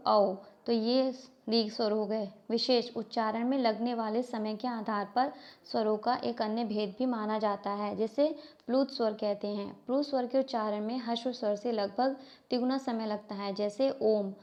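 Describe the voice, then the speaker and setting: A woman's voice: fairly high pitch, darkish tone. A woman teaching a grammar lesson, reading definitions, asking questions and answering them herself, and spelling out letters one by one. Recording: dull lo-fi recording.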